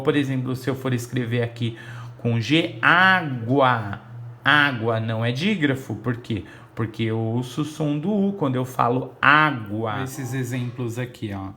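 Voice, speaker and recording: Slow, patient teacher man. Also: medium pitch, a little hiss or hum. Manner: slow, patient, sounding out syllables. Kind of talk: classroom grammar lesson.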